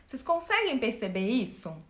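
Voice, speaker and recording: A woman coach speaking live to her viewers, animated, asking them questions and acting out what people say. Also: on the high side, moderate pace, echoey room. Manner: animated, asks the audience questions, acts out quotes. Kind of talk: live-stream talk to viewers.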